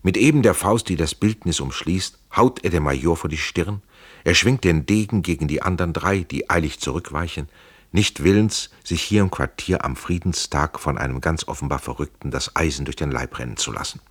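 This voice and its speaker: A man's voice: very deep voice, a little fast, husky, no room sound. A man narrating an audiobook in a dramatic, vivid storytelling manner, close to a studio mic.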